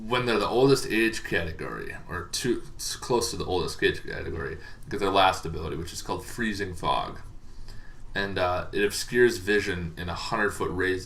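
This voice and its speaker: Low-pitched and fairly bright, this man speaks at normal speed as a dungeon master talking through tabletop monster lore. The explainer is casual and unscripted, loose and rambling with hesitations, and faint background noise is present.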